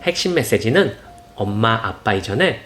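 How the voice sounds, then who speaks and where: A father gently narrating parenting advice in scripted form, reassuring and warm in his words, now and then acting out short quotes. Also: sing-song, normal speed. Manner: gentle, reassuring tone, acts out parent and child quotes in higher voices. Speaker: parenting channel host. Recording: soft instrumental music behind.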